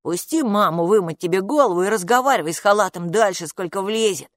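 A woman's voice: mid-range voice, lively intonation, fairly quick, no echo, studio quality, natural voice. A woman reading aloud, voicing a matter-of-fact, know-it-all young boy in a children's audiobook. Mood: confident. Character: clever, cocky young boy, the brother.

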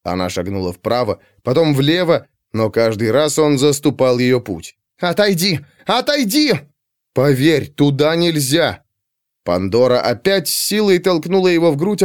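A man reading an audiobook with measured storytelling narration. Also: medium pitch, animated, a little mellow, clear, resonant tone, no room sound, studio quality. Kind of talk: scripted narration.

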